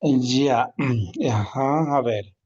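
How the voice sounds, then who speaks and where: A man's voice: medium pitch, extremely slow, a little mellow, breathy edge, highs cut off. A man teaching a language class, repeating each word patiently and checking in often with his students. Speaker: Quechua teacher. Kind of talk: online class lesson.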